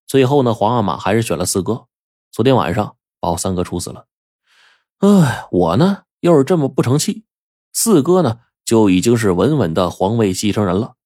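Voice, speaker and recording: A man's voice: on the low side, animated, moderate pace, a little mellow, no echo, clean studio sound, pitched above the performer's own voice. A man voicing a shrewd, jovial young prince who confides his schemes with chuckles. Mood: sly, confiding. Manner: laughing, confiding, playful.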